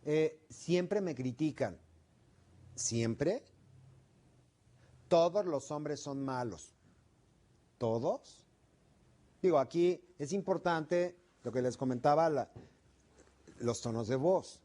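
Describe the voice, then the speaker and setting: A man's voice: a little high, measured pace, dark tone. Man lecturing a class, questioning tone. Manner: questioning, acts out example phrases. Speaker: instructor.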